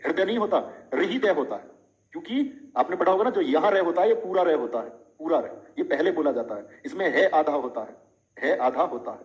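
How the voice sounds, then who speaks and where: A middle-aged man leads a live online lesson, talking to his students in a chatty, teasing way. He keeps tossing out questions and playful examples. His voice sits slightly higher than most men's. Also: animated, fairly quick, poor audio. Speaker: teacher.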